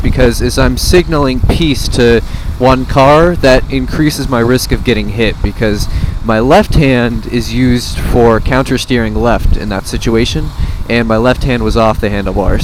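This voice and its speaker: American man talking inside a helmet, road noise. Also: mid-range voice. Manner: sarcastic, casual swearing. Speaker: motorcycle vlogger. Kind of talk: casual rambling commentary while riding. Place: outdoors, riding a motorcycle on a freeway. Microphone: helmet comm system microphone. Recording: helmet comm mic, clear vehicle and road noise. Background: traffic and vehicle noise.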